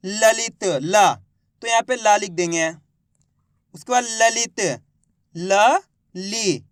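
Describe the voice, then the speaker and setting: Man slowly sounding out syllables. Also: extremely high pitch, a bit bright, dry recording, studio quality. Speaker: Hindi reading teacher. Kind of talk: slow spelling lesson, sounding out syllables.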